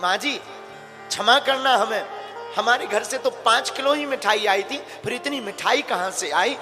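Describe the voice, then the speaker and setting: A man's voice: very high voice, moderate pace. A male preacher voicing a nervous, proud young daughter-in-law who talks in a worried, earnest way, in an echoey hall with music behind. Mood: humble.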